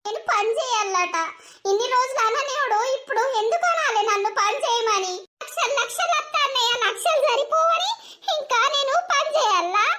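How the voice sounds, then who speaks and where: A woman's voice: extremely high pitch, noisy background. A woman voicing a hurt village housewife who speaks in a plaintive, aggrieved way.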